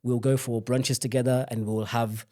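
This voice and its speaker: A man's voice: mid-range voice, little pitch movement, moderate pace, a little mellow. A young man from the UK speaking as a podcast guest, telling personal stories in an open, reflective way. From United Kingdom. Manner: open, reflective storytelling with many restarts. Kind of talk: candid personal conversation.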